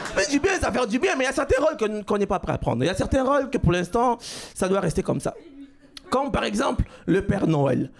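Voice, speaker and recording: High-voiced gravelly comic shouting punchlines. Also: male voice, big pitch swings, fast. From Cuba. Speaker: stand-up comedian. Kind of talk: stand-up comedy set. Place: comedy club stage. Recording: live club recording with crowd. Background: audience laughter.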